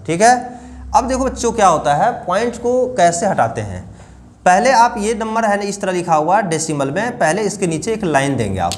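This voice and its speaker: A man teaching a math lesson to children, explaining each step and often asking the class questions. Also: high voice.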